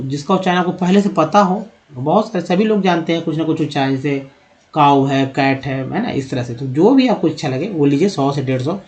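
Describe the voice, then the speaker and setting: A man teaching English pronunciation, asking and answering his own questions in a steady drilling rhythm. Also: on the high side. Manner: addresses viewers as friends. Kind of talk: explaining with written examples on screen.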